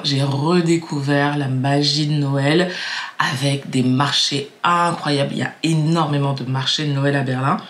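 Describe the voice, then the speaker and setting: A young woman from Martinique talking to camera in a casual, reflective vlog, chatty and musing, with many fillers and repeated words. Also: deep voice. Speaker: vlogger.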